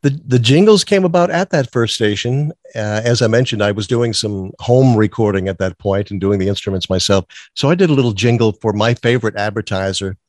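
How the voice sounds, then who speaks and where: A man raised in Massachusetts, with a neutral American accent and no strong regional twang, tells stories as a guest on an interview show, chatting casually and laughing often. His fairly low voice moves a little fast with hardly any pauses, and there's no room sound.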